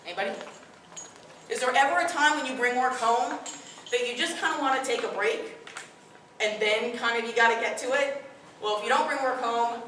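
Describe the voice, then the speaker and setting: Speaking to a live audience in a room at a parenting workshop, a middle-aged woman uses her strong, fairly high and fairly bright voice in a firm, direct, conversational way. The echoey recording was made from a distance and has a little hiss or hum.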